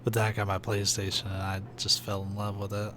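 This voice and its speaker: A young let's play streamer with a soft, soothing, sleepy-sounding voice offers low-key commentary while gaming, talking briskly. He rambles in a laid-back way, dropping plenty of "like"s and "uh"s, over a steady background hiss.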